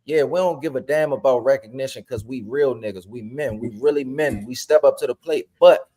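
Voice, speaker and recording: A man talking on a podcast, animated and profane, repeating phrases for emphasis. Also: mid-range voice, fairly quick. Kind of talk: casual podcast chat.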